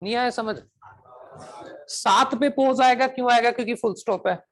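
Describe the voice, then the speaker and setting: A man's voice: very high voice, moderate pace, fairly bright tone. A man teaching a coaching class, constantly asking students whether they understand and drilling them with questions. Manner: switches between Hindi and English demonstration phrases.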